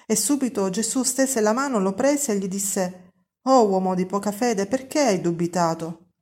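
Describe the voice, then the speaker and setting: A woman reading a Bible passage aloud during a church service, clear and measured. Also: medium pitch, a little mellow. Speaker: scripture reader.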